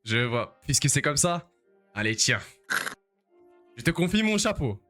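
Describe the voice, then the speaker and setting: Guy doing anime dub pirate captain, teasing, swoopy pitch, music behind. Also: very animated, measured pace, pushed and bright, full character voice. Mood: solemn. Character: teasing, hearty adult male pirate captain. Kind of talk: amateur anime dub parody.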